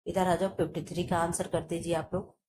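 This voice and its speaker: A woman's voice: on the low side, little pitch movement, brisk, noisy background. A woman teacher going through exam questions, reading out each option and then answering it herself. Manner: reads options aloud and answers them herself. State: coughing, chest sore. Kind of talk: exam-prep lesson.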